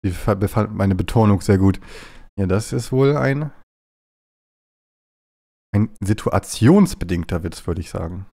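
A man with a fairly low voice chats on a live stream as he plays, restless and playful, jumping into silly bits between moves. He sounds stuffy, with a runny nose from a cold. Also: animated, unhurried, gravelly, pauses often, warm tone. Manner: playful, jumpy, often breaks into silly bits. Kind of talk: casual live-stream chat while gaming.

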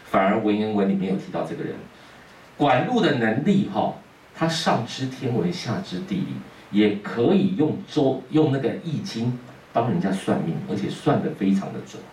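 A man's voice: fairly low pitch, big pitch swings, moderate pace, a little mellow, slight background noise. A man teaching a class, telling a story animatedly and quizzing his students. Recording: roomy classroom from a distance.

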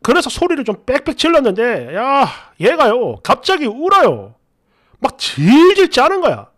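A man narrates his own online post in the first person, sounding exasperated as he recounts what happened. His voice sits unusually high for a man and moves in wide, lively swoops, carrying the story along with an animated storytelling drive. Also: normal speed.

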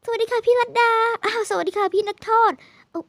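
A young woman chatting playfully and politely while playing a multiplayer game, bubbly and excitable. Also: very high voice, fast talker, dry recording. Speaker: game streamer. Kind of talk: casual multiplayer game commentary.

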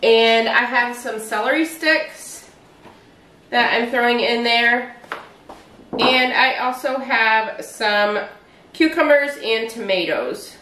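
This woman in her forties speaks slowly, with a sharp tone and a voice on the high side. Chatty, she explains each step of her meal prep in her home kitchen. A far camera captures echoey sound with a little hiss or hum.

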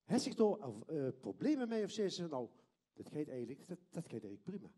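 A man's voice: fairly high pitch, big pitch swings, fairly quick, dark tone. A man in his fifties with a Limburgish Dutch accent, hosting live on a theatre stage with a handheld microphone in informal, hesitant phrases. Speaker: stage host, schoolteacher. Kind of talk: live presenting and chatting with contestants. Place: theatre stage before an audience.

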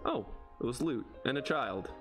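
A man's voice: medium pitch, lively intonation, normal speed. A young man streaming a video game from a small room, giving casual commentary. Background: game music.

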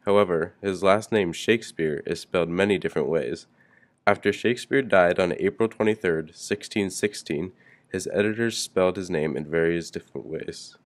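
A man's voice: low voice, moderate pace. A man narrating a school project presentation, reading steadily from a script. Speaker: student presenter.

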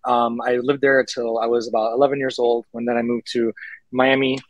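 A man's voice: mid-range voice, level tone, a little fast, dry recording, poor audio. A man in his thirties from Puerto Rico hosting a video-call panel, friendly and casual, often repeating a word as he starts a phrase. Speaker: panel host, software engineer. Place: office room indoors. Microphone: laptop webcam mic on a video call.

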